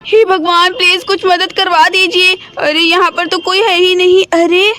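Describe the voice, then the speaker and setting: A woman's voice: extremely high pitch, little pitch movement, normal speed, pushed and bright. A woman voicing a caring young mother doll who frets and keeps asking what she should do, in a doll play story. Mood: anxious.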